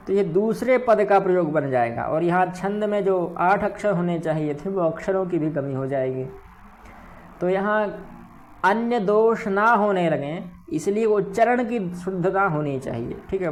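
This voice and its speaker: A man teaching Sanskrit recitation, saying verse words slowly and correcting how each sound is pronounced, often checking in with "ठीक है". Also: on the high side, slight background noise. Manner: slow, careful pronunciation drills. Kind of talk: recitation lesson.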